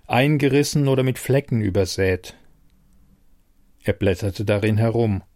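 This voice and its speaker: A man narrating a story in a measured, steady audiobook reading. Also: medium pitch, no room sound, studio quality.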